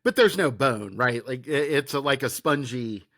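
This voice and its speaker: A man co-hosting a comedy podcast, reacting in a halting way and laughing often. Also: mid-range voice, expressive, a bit bright, no echo, clean studio sound. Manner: halting, lots of fillers and restarts, laughs easily. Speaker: podcast co-host. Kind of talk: casual comedic chat.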